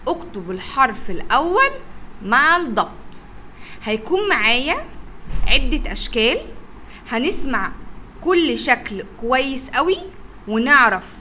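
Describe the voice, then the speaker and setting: Egyptian woman, kindergarten teacher, bright and lilting, drags out sounds slowly for small kids. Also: high voice, slight background noise. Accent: Egyptian Arabic. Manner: stretches words out slowly to sound out letters, with frequent praise. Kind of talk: recorded phonics lesson for young children.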